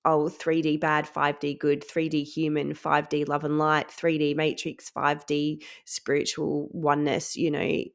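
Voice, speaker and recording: On her spiritual podcast, a woman talks casually and earnestly, full of ums and laughs. Her deep voice is monotone, a little slow and gravelly, with hardly any pauses, and a head cold leaves it nasal and stuffed up.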